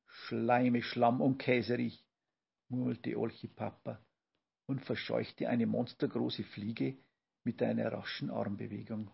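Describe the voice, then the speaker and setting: A man narrating a children's audiobook in slow, measured storytelling, on a dull lo-fi recording. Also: mid-range voice, creaky, slightly rough.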